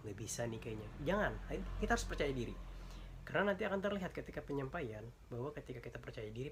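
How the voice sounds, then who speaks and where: A man's voice: medium pitch, a little hiss or hum. Young man giving a hesitant class talk. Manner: casual, hesitant, many fillers and restarts. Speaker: student presenter. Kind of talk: informal class presentation.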